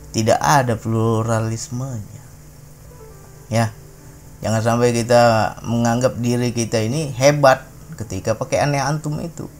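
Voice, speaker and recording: A middle-aged man from Sumatra, giving an informal spiritual talk in a conversational way, often tagging his sentences with a questioning "ya". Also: medium pitch. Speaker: religious talk speaker.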